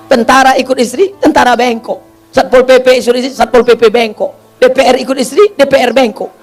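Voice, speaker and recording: A man delivers a humorous sermon in a high, bright voice. He fires off rhetorical questions and repeats phrases in a steady rhythm. Faint music plays behind him. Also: fairly quick. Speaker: preacher.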